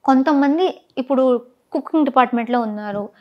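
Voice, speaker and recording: High-voiced woman, emphatic and indignant. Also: fairly quick, lo-fi sound. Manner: emphatic and indignant, often switching into English phrases. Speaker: former reality show contestant, guest. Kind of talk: interview, recounting events.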